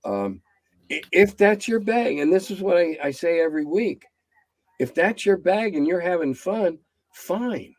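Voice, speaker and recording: Very animated yet unhurried, a game designer in his seventies rambles bluntly in a casual interview, his voice falling low and quiet as he winds down. No room sound is audible.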